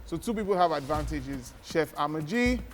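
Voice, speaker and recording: Male host, higher voice, energetic announcing, studio kitchen, long reverb, faint music. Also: moderate pace. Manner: energetic, announcing instructions to contestants. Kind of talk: hosting a reality cooking show.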